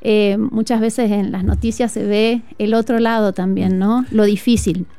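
A woman from northern Argentina with a northern Argentine accent, a music teacher speaking earnestly and reflectively as an interview guest, often pausing on fillers. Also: medium pitch, steady tone, warm tone, clear, resonant tone, no room sound. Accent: northern Argentine Spanish. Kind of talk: conversational interview. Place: school patio, outdoors.

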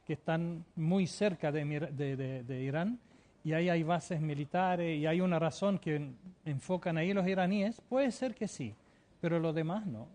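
A man living in the Emirates answers questions in a TV interview, speaking fervently and insistently. His voice is on the high side with a darkish tone at normal speed, and he often hesitates and repeats words.

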